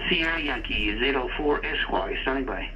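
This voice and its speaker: Ham operator, man, New Zealand accent, prerecorded ham radio call playback, steady phonetic call signs, muffled lo-fi sound buried in heavy static. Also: medium pitch. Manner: measured phonetic call-sign reading. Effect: his own prerecorded call played back over the radio. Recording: dull, distant playback with loud static.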